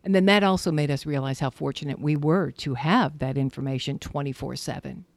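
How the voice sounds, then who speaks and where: A woman's voice: low voice, brisk, dry recording. Older woman radio veteran, chatty, dry studio. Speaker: veteran radio broadcaster, guest. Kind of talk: chatty interview storytelling.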